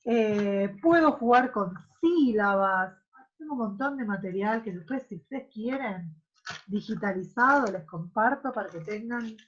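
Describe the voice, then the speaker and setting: A woman's voice: mid-range voice, lively intonation, measured pace. A woman teacher with an Argentine Spanish accent, giving an online class and exaggerating syllables to demonstrate them. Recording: muffled lo-fi audio.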